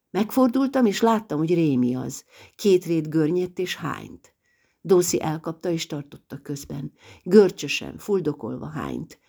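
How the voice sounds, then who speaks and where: Low, gravelly, expressive woman narrator. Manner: dramatic, swings from loud to near-whisper. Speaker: audiobook narrator. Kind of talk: expressive reading of a novel in letters.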